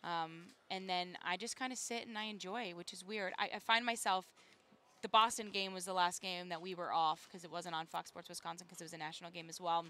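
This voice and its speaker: Bright-voiced chatty woman reporter. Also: fairly low pitch. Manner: animated, chatty, quick to laugh. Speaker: sideline reporter. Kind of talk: casual chat. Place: arena courtside.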